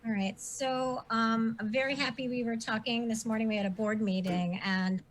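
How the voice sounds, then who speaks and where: A middle-aged woman with a nondescript American accent, a professor explaining casually on a video call, halting and correcting herself. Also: on the high side, fairly even intonation, rough recording. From Guam and San Diego. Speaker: professor, interview guest. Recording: faint background noise on video call.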